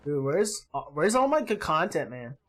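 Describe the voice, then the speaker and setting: A man hosting his gaming channel, giving excitable gameplay commentary, yelping and groaning at the action and swapping in mild words for swearing. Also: a little high, moderate pace. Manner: excitable, yelps and groans at the game.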